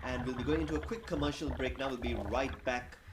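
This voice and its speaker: A man's voice: mid-range voice, brisk, background noise. A man hosting a live stream, announcing questions and breaks, with frequent fillers. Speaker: stream host.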